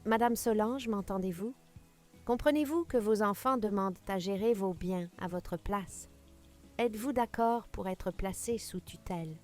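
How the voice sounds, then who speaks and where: A woman voicing a serious, upright male notary who speaks in a formal, measured way. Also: mid-range voice, darkish tone, soft background music, lightly acted.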